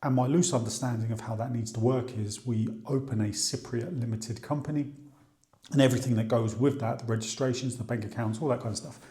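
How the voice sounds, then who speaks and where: A man's voice: mid-range voice, steady tone, fairly quick, dark tone. A man from the UK talking casually to camera in a vlog, chatty and thinking aloud. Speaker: vlogger. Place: outdoors by the sea, then at home.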